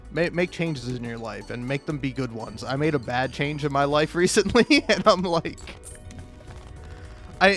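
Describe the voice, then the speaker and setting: Chuckling through his gameplay, a drug-high streamer curses freely, mocks himself and wanders from point to point in a casual way. His voice is on the high side and a bit bright.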